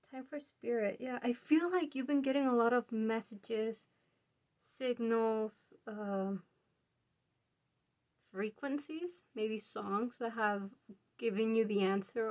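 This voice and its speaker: A woman giving a casual pick-a-card tarot reading, chatty and musing aloud, laughing often and a bit out of breath. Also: a little high. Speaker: tarot reader.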